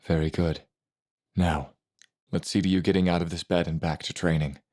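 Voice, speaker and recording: A man reading an audiobook, voicing a grave middle-aged assassin mentor who speaks in a measured, stern and fatherly way. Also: sits low, steady tone, a little mellow, dry recording, clean studio sound. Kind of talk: audiobook character voice.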